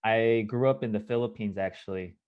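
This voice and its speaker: A man's voice: fairly low pitch, smooth, highs cut off. Korean-born man hosting a video-call interview. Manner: measured, self-correcting, conversational.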